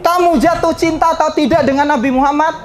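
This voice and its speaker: Male ustadz, lively classroom sermon, loud exhortations mixed with jokes. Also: extremely high pitch, fast, noisy background. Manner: swings between shouting and soft asides, teasing jokes. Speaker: ustadz teaching students. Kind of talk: lively religious talk to students.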